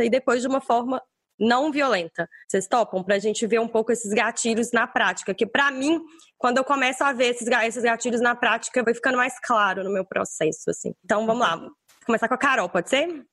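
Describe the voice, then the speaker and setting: A woman in a casual panel discussion, warmly inviting others into an exercise and thinking aloud. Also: a little high, a little fast, no echo, studio quality.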